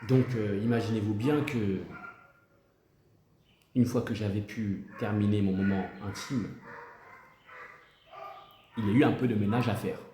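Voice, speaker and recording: A man's voice: on the low side, steady tone, unhurried, pauses often, echoey room, background noise, lightly acted. A man playing a stern, pompous president in a comic sketch, insinuating and mock-diplomatic as he scolds and threatens. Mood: indignant, pompous.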